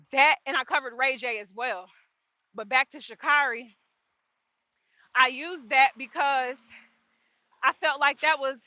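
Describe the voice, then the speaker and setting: A woman's voice: fairly high pitch, pushed and bright, dry recording, lo-fi sound. A woman, chatting about her faith in a casual walk-and-talk vlog. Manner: chatty, faith-focused, laughs often. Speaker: vlogger. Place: outdoors on a walk.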